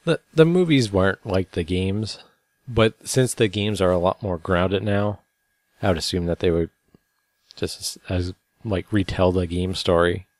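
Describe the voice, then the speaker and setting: A man co-hosting a podcast, chatting casually and reading out news with a relaxed, rambling manner and a tired edge. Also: deep voice, a little slow, no echo. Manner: relaxed, rambling, many fillers. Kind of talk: casual chat.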